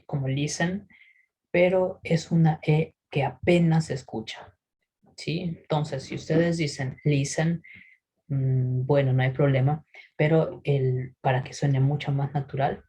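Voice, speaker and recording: A man teaching English pronunciation in a recorded lesson, patiently explaining and often checking in with a quick "¿sí?". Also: on the high side, warm tone, breathy edge, rough recording. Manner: models English words slowly for repetition.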